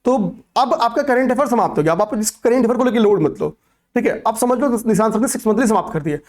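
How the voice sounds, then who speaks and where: A man's voice: high voice, lively intonation, quick pace, darkish tone. A man teaching an exam-prep class, who keeps repeating points, asks questions and answers them himself, and often says "okay, pay attention.". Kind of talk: classroom lecture on current affairs.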